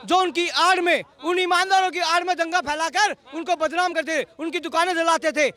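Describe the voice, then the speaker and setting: A man in a street interview outdoors, explaining his view in a measured way. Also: very high-pitched, pushed and bright. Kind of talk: street vox pop.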